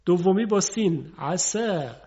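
A man gives a patient pronunciation lesson, stretching each example word out slowly so the difference can be heard. His voice sits a little high. The broadcast audio is muffled and lo-fi. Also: lively intonation, warm tone. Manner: patient, drawing out example words slowly for contrast. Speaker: Quran pronunciation teacher.

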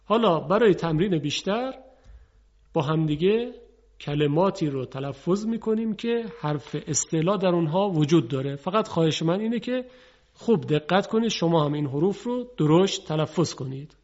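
A man teaching Quran recitation, slowly and deliberately enunciating letter sounds for his students. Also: a little high, expressive, a little mellow. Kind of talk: scripted instructional lesson. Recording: dull lo-fi broadcast audio.

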